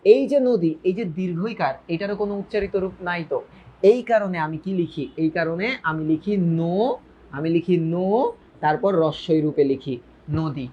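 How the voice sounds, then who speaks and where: This time the Bengali tutor's voice sounds a little high and dark, recorded with lo-fi quality at a moderate pace. Teaching grammar online, he keeps repeating phrases, asking students questions, and slipping in English words.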